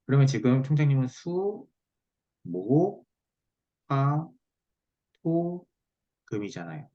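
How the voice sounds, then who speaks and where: Slow and sing-song, a man with a medium-pitched, dark-toned voice tutors one student in Korean saju fortune-telling via video call. He goes step by step, checking in with brief tag questions, and the audio comes through muffled and lo-fi.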